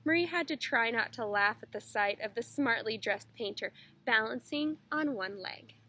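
A woman teacher reading a children's picture book aloud in a clear, expressive way. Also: a little high, normal speed.

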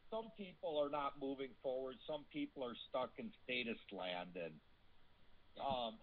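A man hosting casual talk radio, speaking haltingly and often repeating how his phrases begin. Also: mid-range voice. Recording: tinny phone-like line.

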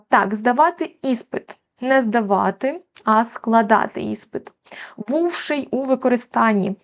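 A young woman tutor explaining common word-usage mistakes to students, patient and full of filler sounds. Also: on the high side. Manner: patient, many filler sounds and tag questions. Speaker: Ukrainian language tutor. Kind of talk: explaining grammar lesson.

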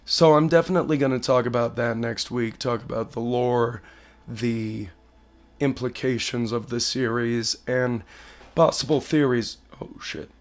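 A man in his twenties with a hoarse, partly lost voice, giving a blunt, sweary podcast update casually to camera at home. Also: mid-range voice, a little slow. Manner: blunt, sweary, self-deprecating. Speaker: podcast host. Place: living room at home.

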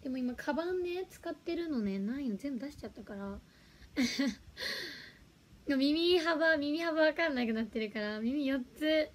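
A woman's voice: high voice, lively intonation, normal speed. A young woman chatting casually on a livestream, giggling and reacting to viewer comments. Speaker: livestream host.

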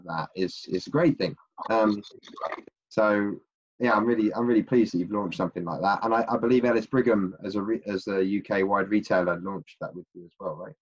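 A British man hosting an interview over a video call, friendly and hesitant with many restarts. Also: lowish voice. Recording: dull lo-fi video call audio.

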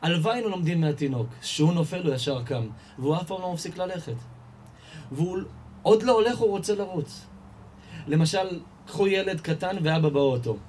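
A man giving a lively Torah lesson to an audience, telling everyday stories and firing rhetorical questions that he answers himself. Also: slight background noise. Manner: animated storyteller, asks and answers his own questions, rises in pitch and volume. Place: live event hall before an audience.

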